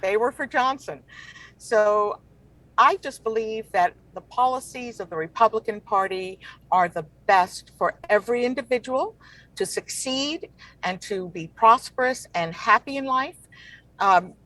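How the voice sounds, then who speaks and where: A woman born in Cuba, a political candidate answering interview questions in an earnest, measured way. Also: on the high side, fairly bright tone, no room sound, low-quality recording.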